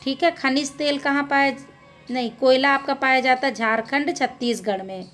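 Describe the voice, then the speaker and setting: A woman's voice: high voice, steady tone, moderate pace, a bit bright, faint music behind. A woman teacher explaining a school geography lesson, reading each question and answer and then repeating it in simple words.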